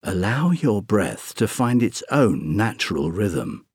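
A man slowly guiding a sleep meditation, counting breaths in a soothing, drawn-out way with long pauses. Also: lowish voice, big pitch swings, a little mellow, husky, no room sound, studio quality. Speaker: meditation guide.

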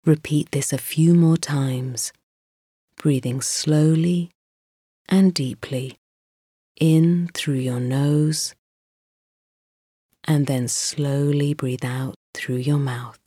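A woman guiding a mindfulness meditation in a slow, soft, soothing voice with pauses. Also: sits low, steady tone, husky, dry recording, clean studio sound. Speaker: meditation guide.

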